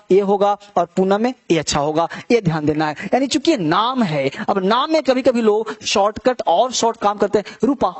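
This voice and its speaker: A man teaching an English spelling lesson, mixing Hindi with English phrases and slowly repeating words to draw out their sounds. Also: sits high, darkish tone. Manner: mixes Hindi with English phrases, calls students "beta".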